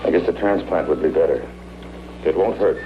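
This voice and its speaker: A man acts out a menacing mad doctor from a B-movie horror film. His voice is low, deliberate and condescending. The old soundtrack is dull, with faint noise. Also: natural voice. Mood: smug.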